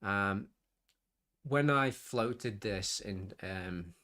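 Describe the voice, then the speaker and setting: Speaking very slowly, a YouTube hobby host uses a fairly low, pushed, bright voice on his live stream. He's nasal and sniffly, rambling in a chatty manner and interrupting himself with corrections along the way.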